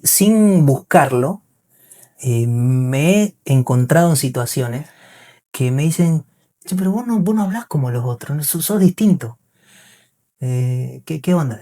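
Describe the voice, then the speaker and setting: A warm, medium-pitched man from Bolivia, whose accent blends Bolivian and Argentine, chats casually as a podcast guest. He's a singer and musician who explains things earnestly and often checks that he's being understood.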